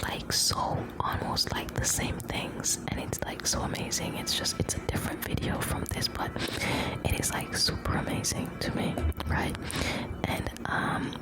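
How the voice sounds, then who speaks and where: A woman from the Caribbean whispering ASMR right up close to the microphone, rambling gently in short, broken phrases. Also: rough recording. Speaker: ASMR host.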